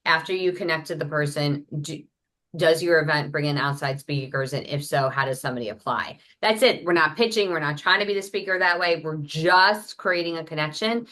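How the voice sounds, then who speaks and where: A woman on a video call, a podcast guest, explaining her business methods in a brisk, practical way. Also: low-pitched, fairly bright tone. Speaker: podcast guest, marketing entrepreneur. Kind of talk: conversational interview.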